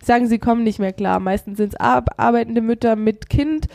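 A woman's voice: on the high side, steady tone, a little fast, vocal fry, darkish tone, no room sound, clean studio sound. Woman with a stuffy nose, chatting casually. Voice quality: congested, stuffy-nosed voice. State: has a head cold. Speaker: guest editor on a podcast. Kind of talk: casual podcast chat.

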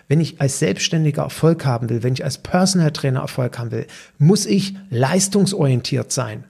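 Gravelly-voiced man coaching fellow trainers. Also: on the high side, a little mellow. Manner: emphatic, often checks in with "Ja?". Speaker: personal trainer and mentor, podcast host. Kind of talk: motivational podcast monologue.

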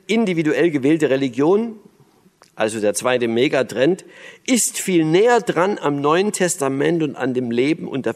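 Man from Berlin, lecture voice, halting with restarts, long hall echo. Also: on the high side, a little mellow. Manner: thoughtful, many fillers and restarts. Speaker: speaker on church and religion.

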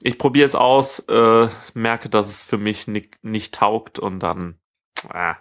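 A man's voice: fairly low pitch, fairly bright tone, clean tone. A man co-hosting a casual tech podcast in a living room, rambling and often correcting himself mid-sentence. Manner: rambling, halting, self-correcting. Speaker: podcast co-host.

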